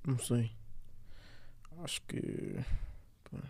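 A man's voice: slow, darkish tone, no echo. A man of eighteen, a footballer guesting on a podcast, chatting casually in brief, hesitant answers. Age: 18 years old. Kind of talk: casual interview chat.

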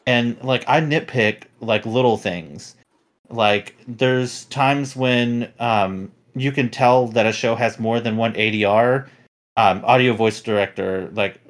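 Man ranting casually about a bad dub. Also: on the low side. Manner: rambling, critical, self-correcting. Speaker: podcast host. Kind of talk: casual podcast chat.

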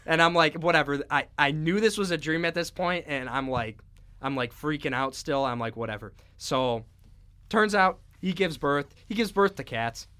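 A young man co-hosting a casual podcast, telling a story with animated acted-out quotes and stumbling restarts. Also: on the high side, moderate pace, smooth. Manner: animated storyteller, acts out his own quotes. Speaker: podcast co-host. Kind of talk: casual chat.

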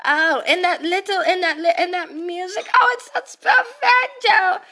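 An excitable young girl, as a woman puts her on for a fan cartoon parody. She gushes loudly about everything she likes. Her voice is high, bright and a little gravelly. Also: a little slow, exaggerated voice. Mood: gushing. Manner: loud and gushing.

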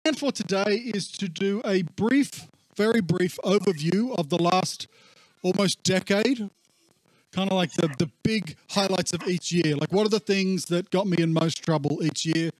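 A man's voice: sits high, moderate pace, no room sound. A man giving an informal, discursive church talk as pastor, his voice muffled and gurgling as if underwater from a faulty recording. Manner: conversational, discursive. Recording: muffled, warbly, underwater-sounding audio.

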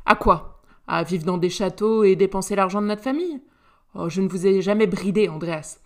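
A woman's voice: medium pitch, normal speed, close to an everyday voice. A woman voicing a stern, angry aristocratic duke who scolds his son with cold contempt in a storybook reading. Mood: contemptuous.

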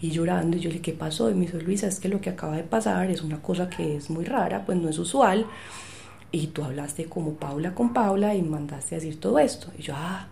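A woman's voice: on the low side, fairly quick, vocal fry, dark tone, a little hiss or hum. A woman, telling her story as an interview guest and acting out the dialogue she recalls. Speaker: medium, podcast guest.

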